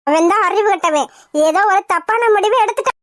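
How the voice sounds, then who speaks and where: A woman's voice: extremely high pitch, a little fast, fairly bright tone, a little hiss or hum. A woman voicing a domineering, scornful older village mother in a cartoon, talking harshly and contemptuously. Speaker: hero's mother. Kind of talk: cartoon voice acting.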